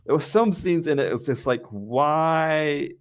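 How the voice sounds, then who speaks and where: A man's voice: on the high side, lively intonation, darkish tone. A man hosting a casual live-streamed podcast, rambling with frequent restarts. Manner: rambling, with many restarts and quick laughs. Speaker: podcast host.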